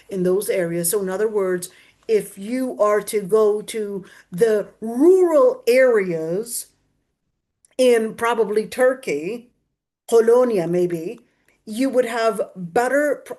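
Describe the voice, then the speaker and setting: A woman's voice: medium pitch, a little mellow. A woman lecturing as a religious teacher, didactic and emphatic, repeating key phrases to drive them home. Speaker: religious teacher giving a Quran exegesis class.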